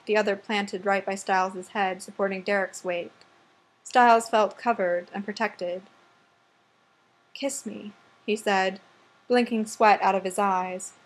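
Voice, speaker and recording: A woman narrating an audiobook in a soft, measured way, often dropping quieter. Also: mid-range voice. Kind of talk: scripted narration.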